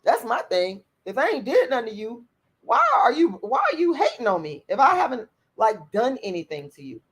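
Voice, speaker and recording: A woman with a fairly high, sing-song, raspy voice speaks briskly while hosting a livestream. She reads out viewer comments and answers them in a blunt, profane, outspoken way, often repeating herself.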